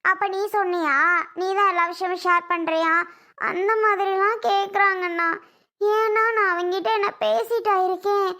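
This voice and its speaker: A woman's voice: very high voice, fairly even intonation, normal speed, pushed and bright. A woman voicing a tearful young wife and new mother who pleads to be trusted, in a home-made audio drama. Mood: upset.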